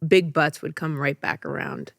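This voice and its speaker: Female comedy podcast host with a low, gravelly voice who tells rambling, self-deprecating stories in casual chat; close, dry studio mic. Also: steady tone, moderate pace, fairly bright tone, dry recording.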